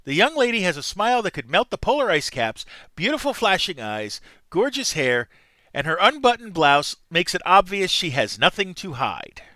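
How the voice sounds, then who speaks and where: A man's voice: high-pitched, very animated, moderate pace, sharp tone, no room sound. A man playing a video game, reading its text aloud and adding casual muttered asides. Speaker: gameplay commentator.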